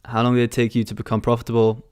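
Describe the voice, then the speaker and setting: In a small indoor room, a young London-born man hosts a live trading stream, reading chat questions over a headset mic and replying casually. His mid-range voice is slightly mellow and clean, with a completely flat, rapid-fire delivery. The studio-quality sound has no echo.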